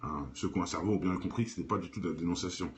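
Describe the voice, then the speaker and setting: Talking very fast in a low-pitched voice, a male video host and commentator reacts off the cuff in an informal video. His style is colloquial, opinionated and argumentative.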